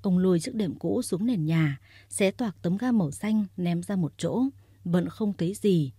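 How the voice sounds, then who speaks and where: A woman reading a story aloud in a steady, even narrating voice. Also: fairly low pitch, measured pace, husky, dry recording, clean studio sound.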